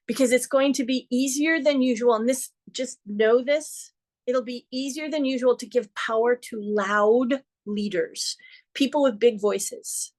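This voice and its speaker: A middle-aged woman hosting an astrology forecast, talking earnestly and conversationally with playful asides. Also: sits high. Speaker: astrologer host.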